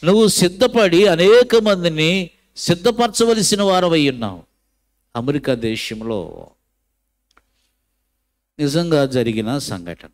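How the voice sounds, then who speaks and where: A middle-aged male pastor delivers a sermon in a fairly high voice. He tells a story, moving from quiet low passages to loud lifted ones as he acts out each character's lines. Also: lively intonation, slow pace, pauses often. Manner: preaching with large swings of pitch and loudness, voicing the characters of his story.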